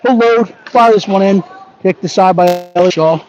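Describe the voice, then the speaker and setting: A man giving brisk live hockey play-by-play, narrating each pass and leaning toward the home team. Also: high voice, a little mellow. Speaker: play-by-play announcer. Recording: dull lo-fi audio with faint background noise.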